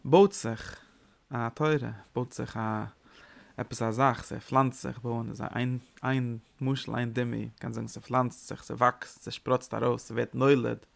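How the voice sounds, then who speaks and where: Gravelly-voiced man giving a religious lecture. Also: medium pitch, a little slow. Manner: animated, emphatic bursts, mixes in English words. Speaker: Torah teacher.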